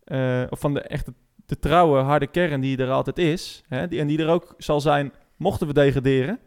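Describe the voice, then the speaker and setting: A man's voice: a little high, moderate pace, smooth. A man in a casual podcast chat who agrees readily and talks hesitantly with many restarts. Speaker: podcast co-host.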